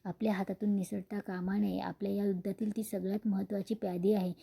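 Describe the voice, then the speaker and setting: A woman's voice: mid-range voice, level tone, quick pace, creaky, warm tone, slightly rough. A woman voicing a scheming witch who gives cold commands. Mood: commanding.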